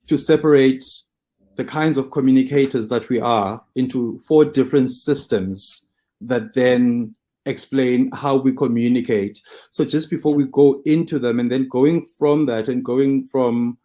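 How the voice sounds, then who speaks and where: A man's voice: mid-range voice, warm tone. A man hosting an interview, asking long, hesitant questions full of restarts. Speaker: interview host. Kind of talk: interviewing a guest.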